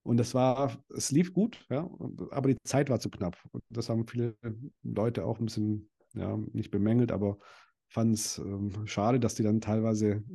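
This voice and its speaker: A man's voice: on the low side, steady tone, moderate pace, creaky, dark tone, husky. A young adult man, a podcast guest, talking casually with many fillers and restarts. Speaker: podcast guest, dental practice owner and event organizer. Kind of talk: casual interview chat.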